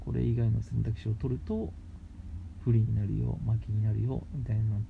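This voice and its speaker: A man talking casually as a radio host, explaining things in halting, phrase-by-phrase steps. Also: fairly low pitch, little pitch movement, gravelly. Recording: muffled lo-fi with faint background noise.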